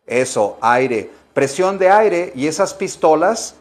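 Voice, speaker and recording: A man gives an English lesson to Spanish speakers in a slightly high, unhurried voice. He keeps urging the class to repeat after him. He slows down to stress each English word. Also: lively intonation. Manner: coaxing, repeats words for students to echo. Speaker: English teacher.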